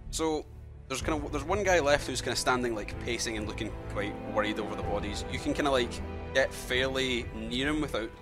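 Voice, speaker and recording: A man's voice: medium pitch, brisk. A man narrating a tabletop game as game master, rambling and hesitant with many fillers. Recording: background music.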